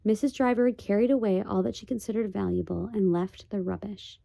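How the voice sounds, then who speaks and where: A woman reading a children's novel aloud, gently, with chatty asides. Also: medium pitch, brisk, vocal fry, dry recording. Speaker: storybook reader.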